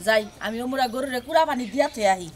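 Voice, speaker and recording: A woman's voice: on the high side, animated, noisy background, close to an everyday voice. A woman playing a nagging village wife. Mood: scolding. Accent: rural Bangladeshi Bengali. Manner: scolding, quick and nagging. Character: sharp-tongued exasperated village wife. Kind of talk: village comedy skit.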